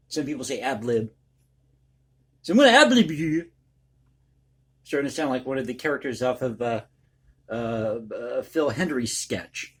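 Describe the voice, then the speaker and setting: Casting: male vlog host, slightly higher-pitched, conversational and folksy, rambling off the cuff. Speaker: online video host and commentator. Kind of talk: casual ad-libbed vlog monologue.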